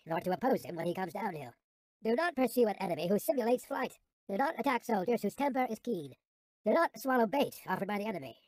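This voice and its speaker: A narrator with a sped-up, helium-like chipmunk voice reading an audiobook in a measured, formal way with falling phrase endings. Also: mid-range voice, darkish tone, dry recording, rough recording.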